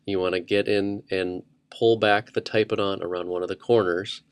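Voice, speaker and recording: A man's voice: deep voice, normal speed, smooth, no room sound. A man teaching a dental procedure in a methodical, step-by-step instructional voice-over. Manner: methodical, explanatory, steady step-by-step.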